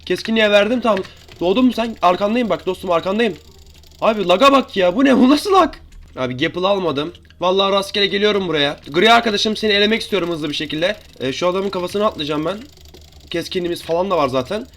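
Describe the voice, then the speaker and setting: A young man with a high voice rattles off quick, excitable gameplay commentary, chatting to his viewers and teasing opponents as he plays. Keyboard and mouse clicks tap away under his voice. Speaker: gaming youtuber.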